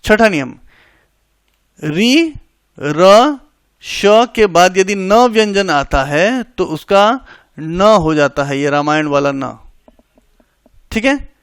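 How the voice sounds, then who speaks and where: Male grammar tutor, patient step-by-step explainer, smooth clear voice, dry close sound. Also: high-pitched, lively intonation, very slow, pauses often, dry recording. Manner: explains step by step, repeats rules, checks understanding; mixes English words into Hindi. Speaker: Hindi grammar teacher. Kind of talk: exam-prep grammar lesson.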